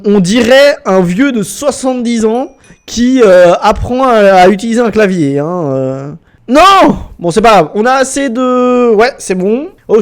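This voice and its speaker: A young male gaming YouTuber with a high voice gives casual gameplay commentary into a desk microphone. He is energetic and jokey, swears freely, makes self-mocking jokes, and mocks English phrases in a French accent.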